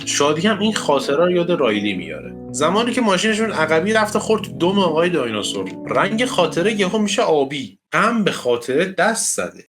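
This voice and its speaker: A man's voice: on the high side, very animated, a bit bright, soft background music. A man narrating a comedic film recap in a playful way, often dropping into silly character voices.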